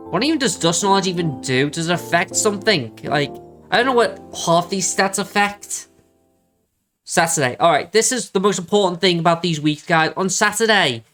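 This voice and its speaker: A woman's voice: fairly low pitch, a bit bright. A woman doing let's play commentary, thinking aloud and chatting to viewers as she reads the game. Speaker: game streamer. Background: game music.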